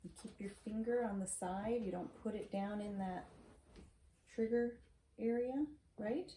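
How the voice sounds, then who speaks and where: In a wood-shelved home study, a middle-aged woman reads a picture book aloud to her grandchild in a steady, medium-pitched voice, never hurrying. She's encouraging, chatting between pages and asking questions to make sure the child follows. There's a roomy echo on the recording, along with faint noise and clicks.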